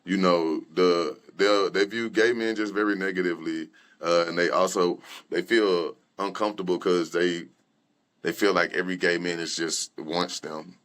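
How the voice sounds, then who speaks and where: A man's voice: deep voice, steady tone, normal speed, a bit bright. A young man, a rapper and guest, telling his personal story candidly in loose conversational talk with many fillers and restarts. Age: young adult.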